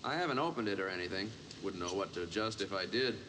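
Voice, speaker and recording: A chatty older caretaker. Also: male voice, sits low, animated, fast talker. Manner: chatty, folksy. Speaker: building caretaker. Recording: noisy film soundtrack.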